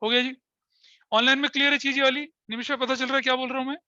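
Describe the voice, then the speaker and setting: A male teacher with a bright, forceful voice runs a class for students in the room and online, firing questions and drilling terms again and again. The sound is dry and a little dull, close and without room echo. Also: extremely high pitch, flat delivery, rapid-fire. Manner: questioning, repeats key terms, checks if students follow. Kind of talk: classroom accounting lesson, mixing in English.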